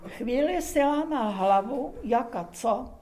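A woman narrating a humorous folk tale in a lively, expressive reading with dramatic pauses. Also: sits high. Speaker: storyteller.

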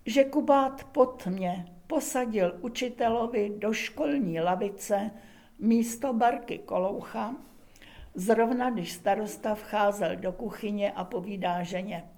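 A woman narrating a humorous folk tale in a lively, expressive reading with dramatic pauses. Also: medium pitch, creaky. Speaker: storyteller.

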